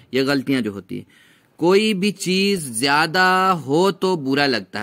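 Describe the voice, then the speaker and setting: A man teaching a recitation lesson, drawing out sounds slowly for students to repeat after him. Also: mid-range voice, pushed and bright. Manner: patient, drawn-out demonstration of sounds.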